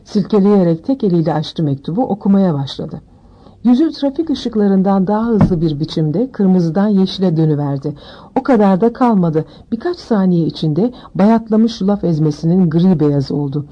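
A woman narrating an audiobook in a steady, measured reading. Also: on the low side, highs cut off.

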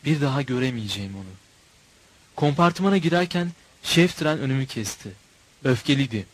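A man narrating a novel in a measured, expressive storytelling voice. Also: mid-range voice, rough recording. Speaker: audiobook narrator.

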